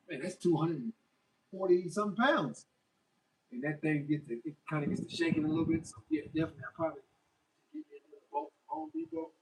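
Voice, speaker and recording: A man's voice: on the high side, a little mellow. Chatty man livestreaming from a distance. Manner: reads out viewer comments and answers them chattily. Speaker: fitness livestreamer. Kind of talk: casual livestream chat.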